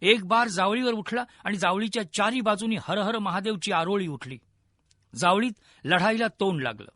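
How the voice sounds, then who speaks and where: A man narrating a historical story in a vivid, expressive storytelling manner. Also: high voice, moderate pace, dry recording.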